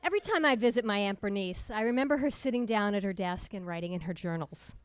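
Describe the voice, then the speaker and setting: A woman's voice: mid-range voice, lively intonation, smooth. Wry woman telling a story live. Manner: wry, measured, with dry comic timing. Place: live storytelling show at a small venue.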